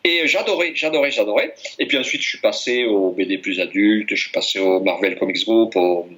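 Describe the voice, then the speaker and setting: A middle-aged man from France, an author talking casually as an interview guest, an animated storyteller who repeats words for emphasis. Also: on the low side, a little fast.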